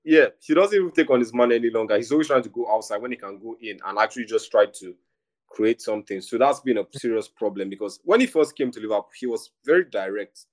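A young man, co-hosting a casual football chat in a rambling, animated way. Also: mid-range voice, fast talker. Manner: animated, rambling, says "bro" a lot. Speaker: podcast co-host.

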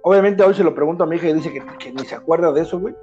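A man's voice: a little high, very fast, dull audio, soft background music. A man in his thirties with a Mexican Spanish accent, telling a personal story in casual, slangy chat full of filler words. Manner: slangy, animated, peppers speech with filler words.

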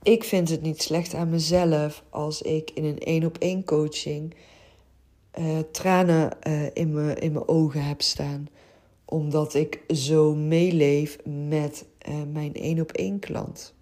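A woman's voice: deep voice, level tone, slow, dark tone. A middle-aged woman from the Netherlands hosting a podcast, talking in an earnest, open way with frequent hesitations. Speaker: podcast host and childcare coach. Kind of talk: reflective podcast monologue.

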